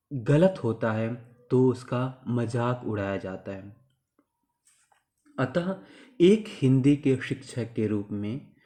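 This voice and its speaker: A man giving an explanatory lecture as a teacher educator, measured and stressing key terms. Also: medium pitch, warm tone.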